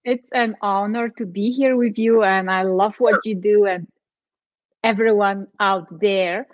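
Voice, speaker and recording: A change and transition coach from Poland, speaking with a Polish accent, appears as a guest in a podcast chat, telling her own story earnestly and with feeling. Her medium-pitched voice is steady in tone and measured in pace. The audio is dull, with no echo.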